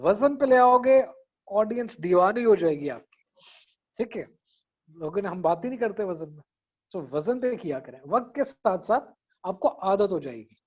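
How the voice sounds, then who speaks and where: Over a muffled video call, a man teaches an online public speaking class in a high, animated, slightly breathy voice at normal speed. He keeps it conversational, mixes in English phrases, and frequently checks in with his students by asking "theek hai."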